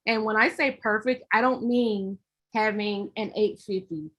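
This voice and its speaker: A woman's voice: medium pitch, fairly even intonation, unhurried, fairly bright tone. A young Southern woman from Alabama hosting a livestream workshop, chatty and upbeat as she greets viewers. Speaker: host of a credit workshop livestream.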